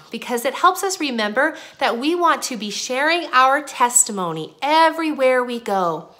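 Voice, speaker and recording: A young woman teaching an online preschool lesson, talking gently and sing-song to small children. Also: a little high.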